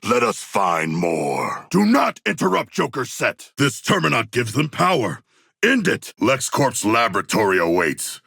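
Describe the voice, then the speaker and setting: A man voicing King Shark, a hulking, proud, literal-minded shark-man in a video game, with a deep gravelly voice and stilted, grandiose formal diction. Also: wildly swooping pitch, unhurried, fairly bright tone, no room sound, studio quality, heavily acted. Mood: fierce. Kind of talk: video game character voice lines.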